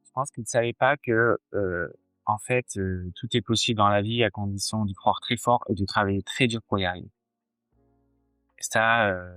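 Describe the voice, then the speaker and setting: A man's voice: lowish voice, a bit bright, no room sound. A man in his forties, a cardiologist guest chatting casually in an interview, hesitant with many fillers and restarts.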